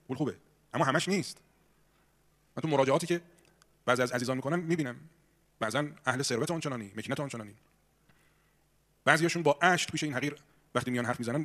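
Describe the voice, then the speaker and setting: Man preaching in a shrine. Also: medium pitch. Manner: rhetorical questions, rising emphasis. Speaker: cleric leading prayer. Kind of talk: sermon before congregational prayer. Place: shrine hall.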